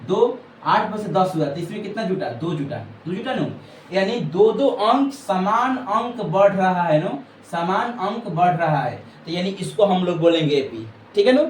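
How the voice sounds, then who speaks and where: A man's voice: high voice, distant mic. A man with a Bihari Hindi accent teaching a board exam maths lesson, often checking whether students follow and calling them "babu". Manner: keeps checking in with "ठीक है ना" and "कोई doubt"; calls students "Babu" affectionately. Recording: roomy echo, voice from off-mic, faint background noise.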